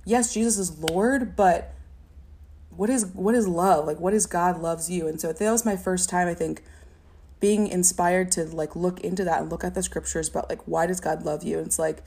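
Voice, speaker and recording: Young woman guest with a stutter, low gravelly voice, halting, reflective delivery. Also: fairly even intonation. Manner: halting, many "like" fillers, soft and reflective. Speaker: interview guest. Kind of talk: personal testimony in an interview.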